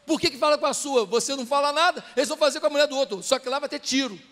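A man's voice: very high-pitched, very fast, a bit bright, in a large hall. A man preaching a sermon as pastor in a church, full of passionate rhetorical questions to the congregation.

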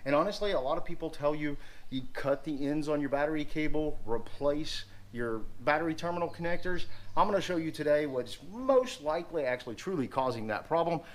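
A man's voice: a little high, animated, a little fast. A man in his forties hosting a car repair vlog from his open garage, chatting casually and repeating "honestly" and "guys" often. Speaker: car repair channel host. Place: open home garage, outdoors by driveway.

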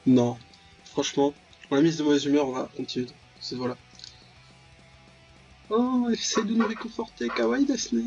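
A young gaming video host with a high, slightly mellow voice speaks at normal speed in a level tone, leaving long pauses. In his casual visual novel playthrough he is jokey and mock-dramatic, muttering asides and reading the text aloud. His dull, lo-fi voice track runs over clear music.

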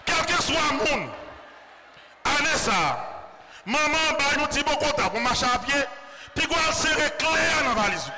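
A man with a Haitian accent, a priest delivering a fervent sermon in church and often shouting out to the congregation. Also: very high-pitched, very animated, normal speed. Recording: loud background noise.

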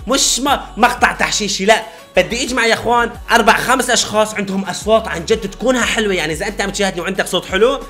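Fast, bright-voiced man hosting. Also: high voice. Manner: chatty, eager, keeps addressing viewers as brothers. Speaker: reaction video host. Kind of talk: casual reaction commentary.

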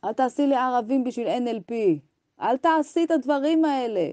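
A woman's voice: high-pitched, expressive, mellow, no room sound. A woman teacher giving an impassioned Torah ethics lesson to women, arguing with rhetorical questions and acting out imagined dialogues.

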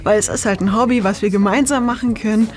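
A woman's voice: mid-range voice, steady tone, fast, a little mellow. A woman in her late twenties chatting casually in a documentary interview, with many fillers and frequent laughs. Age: 20s. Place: cinema auditorium.

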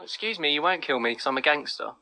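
A man calmly taunting and mocking an angry player while he narrates a prank over voice chat. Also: fairly high pitch, fast talker, dry recording, rough recording. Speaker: gamer, prankster. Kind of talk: casual commentary over voice clips.

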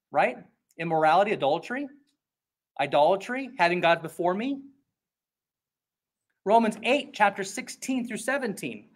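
Here a high-pitched male pastor preaches expositorily, sounding both chatty and forceful. Quick acted-out voices pop up often along the way.

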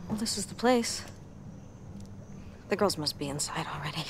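A woman's voice: deep voice, expressive, moderate pace, background noise. An actress playing a nervous but determined young woman on the run in a video game. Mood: matter-of-fact. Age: young adult.

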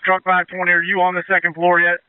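A man's voice: sits high, monotone, fast, smooth, no room sound. A man acting as incident commander on a two-way radio, giving urgent, clipped orders and questions. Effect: two-way radio transmission. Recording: narrowband fire radio transmission.

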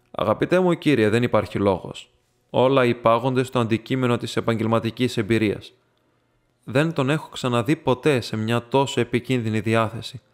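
Male reader doing an anxious assistant, earnest, a touch higher, audiobook. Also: close to an everyday voice. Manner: earnest, pleading.

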